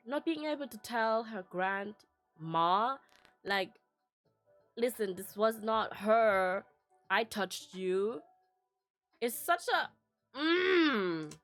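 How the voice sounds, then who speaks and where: A woman's voice: fairly high pitch, fairly bright tone. A young woman chatting casually as a vlogger, telling a personal story in a meandering way with many fillers, restarts and laughs. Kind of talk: casual rambling chat.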